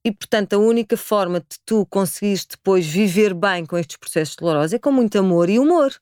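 A woman in her forties from Portugal with a European Portuguese accent, talking as a podcast guest in a lively, expressive way. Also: mid-range voice, fairly quick, clear, resonant tone, dry recording, studio quality. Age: 40s. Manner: expressive, animated storytelling with frequent laughs. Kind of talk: casual chat.

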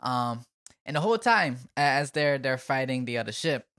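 A young woman with an unusually deep, low voice, co-hosting a relaxed podcast. She recaps scenes in a chatty way and drops into playful quotes of the characters. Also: normal speed. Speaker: podcast co-host. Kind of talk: casual chat.

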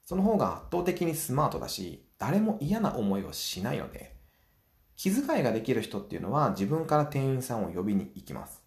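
A man hosting his own solo talk show, chatting through advice, acting out small everyday scenes and filling pauses with drawn-out "uh" sounds. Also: mid-range voice, wildly swooping pitch, roomy sound. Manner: chatty, acts out little scenes; frequent filler sounds. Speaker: podcast host.

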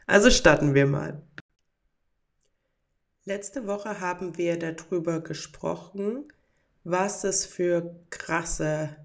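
A woman's voice: deep voice, gravelly. A woman in her forties hosting a podcast, talking reflectively and reading out messages from listeners. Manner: reflective, reads follower messages aloud. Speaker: podcast host. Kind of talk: casual monologue.

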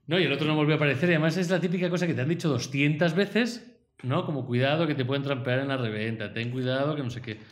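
A man in a casual conversation, telling a story in an animated, rueful way. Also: fairly high pitch, quick pace.

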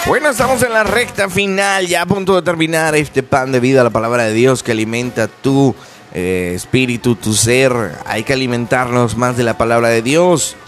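Radio preacher exhorting listeners. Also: male voice, mid-range voice, normal speed, a bit bright, soft background music. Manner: earnest, exhorting, direct address to listeners. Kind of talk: radio sermon.

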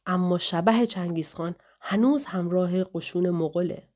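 A woman's voice: on the low side, natural voice. Woman putting on a slurring drunken soldier. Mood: hushed. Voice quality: slurred drawling speech. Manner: menacing, sometimes hushed and whispery. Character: drunken brutal male soldier.

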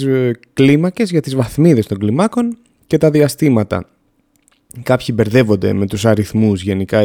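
A man's voice: mid-range voice, warm tone. A man teaching music theory in a casual podcast lesson, explaining in a plain, down-to-earth way and counting off notes and steps.

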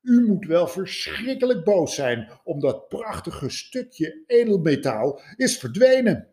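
A self-assured, chummy scholar from a storybook, as a man puts him on. He booms cheerfully in a raised voice. He speaks in a patronizing, over-familiar tone. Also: very animated, slow, darkish tone, exaggerated voice. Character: jovial, overconfident male scholar.

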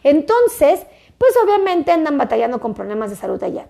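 Very animated and fairly quick, a woman with a high, creaky, dark-toned voice addresses her viewers directly. A doctor who creates health videos, she keeps it casual, chatty and repetitive, coaxing people as she goes.

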